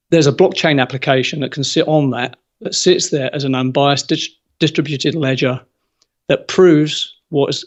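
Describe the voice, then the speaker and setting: A man talking as a guest in a casual interview, lively and opinionated, full of colorful comparisons. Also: medium pitch, highs cut off.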